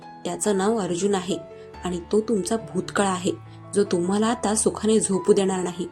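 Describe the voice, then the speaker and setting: A woman giving voice to a defiant young heroine in a storybook romance, fierce and cutting. The voice is warm and mellow, with soft music faintly underneath. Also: medium pitch, fairly even intonation, moderate pace, close to an everyday voice.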